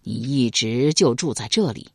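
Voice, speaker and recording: Ancient king, played by a woman, lowered husky voice, slow measured speech, dignified, storybook. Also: lively intonation, no echo, clean studio sound, full character voice. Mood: solemn. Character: ancient king, older man, grave and dignified.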